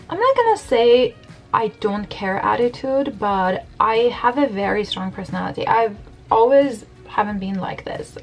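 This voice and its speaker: Doing her makeup in her bedroom, an Iranian beauty blogger in her thirties chats candidly and uses many fillers for a get-ready-with-me Q&A. The camera on her desk captures her rather high voice in poor audio.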